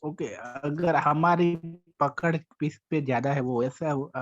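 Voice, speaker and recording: A man's voice: fairly high pitch, slow, soft background music. A man teaching an online astrology class, explaining with frequent "okay"s and hesitant fillers while his voice keeps cutting out over a bad connection. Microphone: video call. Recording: dull, dry, breaking-up online call audio.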